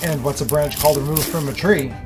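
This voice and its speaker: A man's voice: on the high side, fairly quick. A man narrating a bushcraft tutorial in a playful, jokey question-and-answer manner, outdoors in a park. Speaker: bushcraft channel co-host. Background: music.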